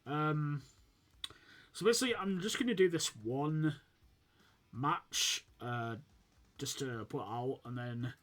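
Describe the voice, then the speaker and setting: Slightly sniffly as a cold fades, a young British gaming host commentates on his football management game, thinking out loud with many fillers. He speaks slowly, with long pauses, in a fairly bright, somewhat high voice.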